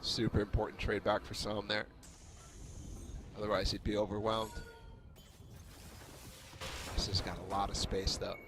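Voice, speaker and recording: A man's voice: fairly low pitch, flat delivery, unhurried, long pauses, noisy background. A man working as an esports caster, giving live analysis and explaining tactics.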